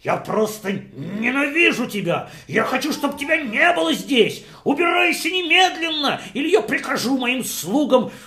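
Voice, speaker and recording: A storyteller voicing a wealthy feast host who shouts in rage, raised and loud, in an echoey room. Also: high-pitched, very animated, moderate pace, few pauses, voice pushed up, exaggerated voice. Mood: furious. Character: furious rich man, host of a feast.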